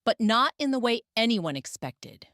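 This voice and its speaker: A woman narrating a scripted drama story with expressive pacing. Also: on the high side, normal speed, dry recording, studio quality.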